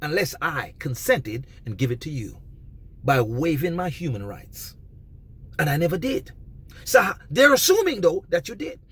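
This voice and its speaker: Husky, animated man lecturing emphatically. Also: on the high side, normal speed. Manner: emphatic, preachy, rises to near shouting. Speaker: vlogger giving advice. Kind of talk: passionate monologue.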